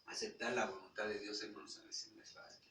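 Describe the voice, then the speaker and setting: Mexican pastor preaching in an echoey church. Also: male voice, level tone, fast, a little hiss or hum. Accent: Mexican Spanish. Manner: swings from soft, near-whispered asides to loud, high-pitched outcries. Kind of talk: sermon. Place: church hall. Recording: echoey church room, mic at a distance.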